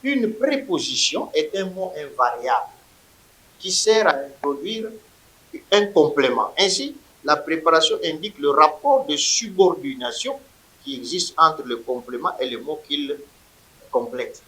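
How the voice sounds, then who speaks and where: Slow, loud-drilling male teacher in an echoey classroom. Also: fairly high pitch, very animated. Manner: drills vocabulary in loud call-and-response. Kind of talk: classroom lecture.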